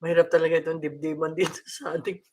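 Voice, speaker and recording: A woman's voice: low-pitched, level tone, fast, a little mellow, slight background noise. An older woman with a Filipino accent, chatting casually to her viewers at home, laughing often and mixing in English. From Philippines. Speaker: vlogger.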